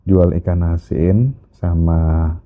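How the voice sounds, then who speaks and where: A man hosting a casual interview, asking reflective and gently probing questions. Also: deep voice, steady tone, slow pace, phone-quality sound. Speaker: podcast host.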